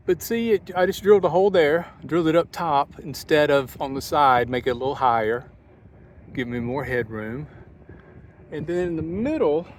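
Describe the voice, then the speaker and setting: Working outside next to a van by a windy highway, a man narrates his casual DIY vlog, musing aloud in a folksy manner. Wind and interstate traffic noise fill the background.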